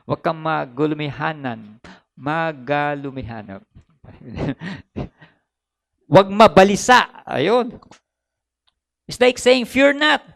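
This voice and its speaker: A man's voice: fairly high pitch, animated, slow pace, creaky, long pauses, fairly bright tone. A man with a Filipino accent preaching a sermon as pastor, switching between Tagalog and English and repeating phrases for emphasis.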